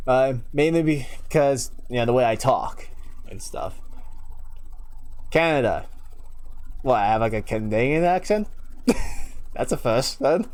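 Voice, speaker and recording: Speaking unhurriedly, with long pauses, this young New Yorker has a mid-range, slightly mellow voice and lively intonation. He chats and rambles on a live stream, laughing often and losing his thread, with a faint unusual lilt from a childhood speech impairment.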